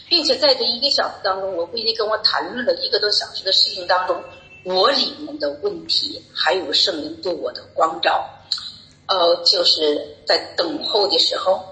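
A woman's voice: lowish voice, sharp tone. A middle-aged woman giving a personal faith testimony, telling her story earnestly and repeating herself. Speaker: church member giving a testimony. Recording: echoey room.

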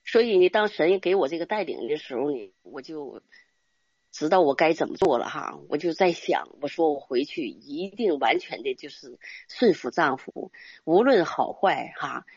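This older woman has a deep, slightly mellow voice with a breathy edge and lively intonation, speaking at a moderate pace. The audio has no echo but its highs are cut off. As a church member, she gives a casual, earnest, rambling testimony, frequently finishing phrases with little tag particles.

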